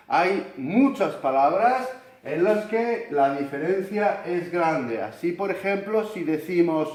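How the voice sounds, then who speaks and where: Spanish guy teaching english sounds, drags out the vowels, kinda high voice, roomy echo. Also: animated, darkish tone. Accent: Spanish from Spain. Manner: slow, deliberate, stretches vowels to demonstrate. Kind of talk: explanatory video lesson. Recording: echoey room.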